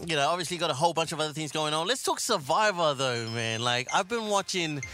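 A man hosting a casual radio show from a studio, joking, slangy and quick to laugh. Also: on the high side, lively intonation, sharp tone. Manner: laughs often, slangy and upbeat. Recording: music playing underneath.

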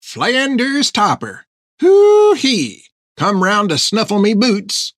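A man voicing a filthy, cackling old male beach hermit who croaks and whoops in a rustic dialect. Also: high-pitched, big pitch swings, slow pace, fairly bright tone, no room sound, clean studio sound, pitched above the performer's own voice, heavily acted. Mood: rowdy.

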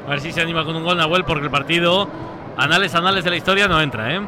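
Male radio football pundit with a high voice, live updates, faint noise behind. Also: very fast.

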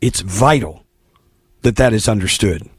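A man's voice: lowish voice, animated, a little slow, husky. An American man hosting a political talk radio show, delivering an opinionated monologue in a blunt, emphatic, exhorting manner.

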